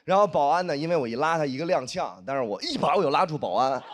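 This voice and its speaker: A man performing a stand-up comedy set, telling a story in an animated way and acting out the dialogue. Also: fairly high pitch, fast talker, background noise. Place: stage in front of a live audience.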